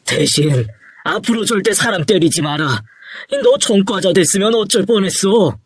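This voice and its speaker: A man's voice: sits high, lively intonation, normal speed, husky, no echo, pitched above the performer's own voice. A man voicing a stern, worried middle-aged father who scolds his son. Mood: scolding. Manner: nagging, scolding.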